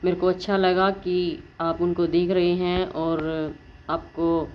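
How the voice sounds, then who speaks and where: A woman teacher giving an exam-prep lecture. She explains in Hindi and reads the English questions aloud slowly, often checking in with her listeners and correcting herself as she goes. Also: fairly low pitch, level tone, muffled recording, a little hiss or hum. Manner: frequent self-corrections and "theek hai" check-ins.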